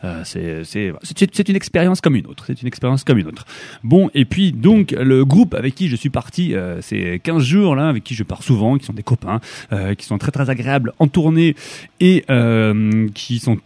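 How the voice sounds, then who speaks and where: Rambling French man, dark dry voice. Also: mid-range voice, sing-song, dry recording. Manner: halting, many fillers and restarts. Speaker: radio show host. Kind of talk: casual spoken recollection between tracks.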